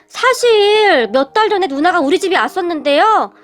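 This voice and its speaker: A woman voicing an exasperated young husband who sighs and yells. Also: very high-pitched, animated, moderate pace. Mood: explaining. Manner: sighing, yelling.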